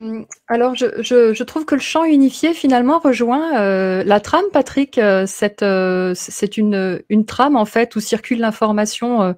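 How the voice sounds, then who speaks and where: A woman with a slightly high voice hosts a live interview. She introduces and questions in a conversational, unscripted way. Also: moderate pace, few pauses, a little mellow. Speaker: host.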